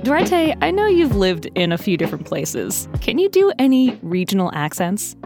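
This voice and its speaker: A woman co-hosting a news podcast, reading scripted news in a clear, measured way and chatting with her co-host. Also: mid-range voice, very animated, music in the background. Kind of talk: scripted news narration and banter.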